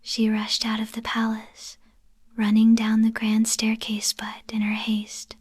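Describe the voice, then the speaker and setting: A woman narrating a fairy tale as bedtime ASMR in a gentle, breathy, soft whisper. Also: a little high, completely flat delivery, a little slow, no echo. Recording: voice under clear background music. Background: music.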